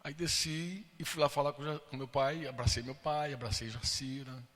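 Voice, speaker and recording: A man's voice: medium pitch, steady tone, normal speed, a bit bright. A Brazilian man preaching a sermon, telling an emotional personal story and acting out the voices of the people in it. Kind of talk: sermon testimony. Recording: long hall reverb.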